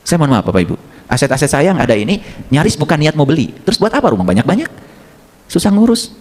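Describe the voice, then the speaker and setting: Animated preacher in a reverberant hall. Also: male voice, on the high side, quick pace. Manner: animated, asks the audience questions and acts out dialogues. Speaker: religious teacher. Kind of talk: informal sermon to a congregation.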